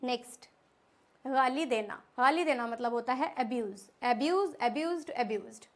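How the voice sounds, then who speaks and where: A woman with a high voice runs a spoken English lesson. She asks the viewer a question and then repeats each verb form slowly, one word at a time. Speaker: English teacher.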